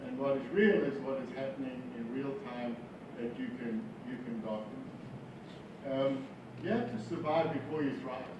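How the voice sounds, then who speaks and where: A South African business founder gives an informal guest speech with wry, self-deprecating humor, repeating phrases for emphasis. His mid-range voice moves at a moderate pace, but the recording is muffled and noisy, made with a distant mic in a very echoey room.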